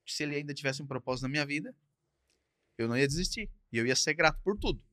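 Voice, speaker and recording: A man's voice: on the high side, expressive, very fast, pushed and bright, no room sound, studio quality. A man, a truck driver and podcast guest, telling a personal story in a casual, repetitive way, often tagging phrases with short questions. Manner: repetitive, conversational, frequent tag questions. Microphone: podcast studio mic.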